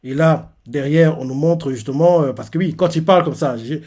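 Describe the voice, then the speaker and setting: A young man talks through a manga chapter live, in a loose, unscripted way. His speech is halting and full of fillers as he searches for words. His voice sits a little high for a man. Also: a little mellow, breathy edge. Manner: hesitant, filler-heavy retelling with many pauses. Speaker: manga reaction streamer. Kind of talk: casual live chapter recap.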